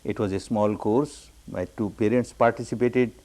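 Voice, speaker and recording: A man from Burma giving a meditation discourse, telling his own story with repeated, emphatic phrases that jump up high on the key words. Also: fairly even intonation, normal speed, dark tone. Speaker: meditation teacher.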